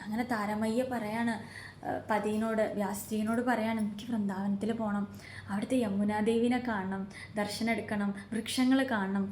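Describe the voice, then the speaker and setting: A woman recounts a devotional story in an earnest, unhurried way, stopping to ask her listeners rhetorical questions. Her voice sits at an ordinary middle pitch. The room is echoey, with a faint hum of ambient noise behind her. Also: darkish tone.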